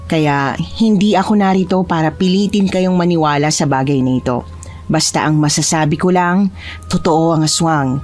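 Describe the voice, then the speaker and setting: A woman narrating a true horror story in a measured, solemn storyteller's style. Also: low voice, darkish tone, soft background music.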